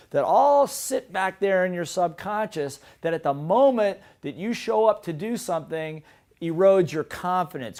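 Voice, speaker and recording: A middle-aged man delivers a motivational seminar talk in a slightly high voice. He speaks with lively energy and keeps asking his listeners rhetorical questions. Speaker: seminar presenter.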